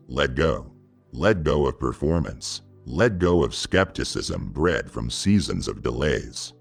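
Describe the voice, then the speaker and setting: Very deep gravelly male devotional narrator. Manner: solemn, measured, intimate address. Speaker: devotional narrator speaking as God.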